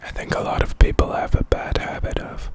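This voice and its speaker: Here an ASMR creator whispers a pep talk, his breathy, unvoiced voice carrying an encouraging, reflective feel. He speaks fairly quickly.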